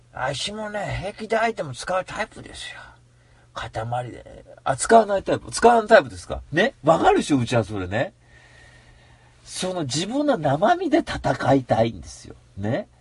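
A man telling a story in a casual solo monologue, animated and given to mock rants. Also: high-pitched, slightly rough, no echo.

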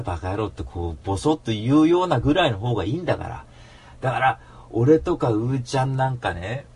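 A man's voice: mid-range voice, breathy edge. A man hosting an internet radio show alone, telling rambling anecdotes and acting out the people he quotes. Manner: rambling anecdotal storytelling, acts out quoted voices. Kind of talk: casual solo radio monologue.

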